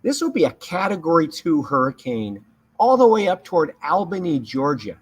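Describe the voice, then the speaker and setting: A man's voice: a little high, sing-song, normal speed, husky. A man giving live severe weather commentary as a livestream host, explaining emphatically and repeating key points. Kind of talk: live hurricane commentary over radar.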